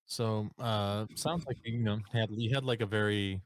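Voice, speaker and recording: A man hosting a podcast, asking his guest easygoing, halting questions in casual chat. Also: on the low side, steady tone, clear, resonant tone. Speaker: podcast host.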